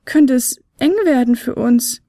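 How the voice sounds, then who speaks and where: A woman voicing Fionella, a small nervous talking flute, in an audiobook, with a high, excitable and easily worried way of talking. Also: dry recording, studio quality. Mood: anxious. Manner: high, excited, quick to worry. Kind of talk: audiobook character voice.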